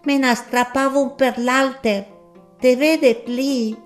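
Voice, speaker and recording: A man's voice: very high voice, steady tone, takes it slowly, soft background music, pitched above the performer's own voice. A man reading a story, voicing an indignant older countrywoman who complains in Lombard dialect. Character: peevish older countrywoman Martina, grumbling.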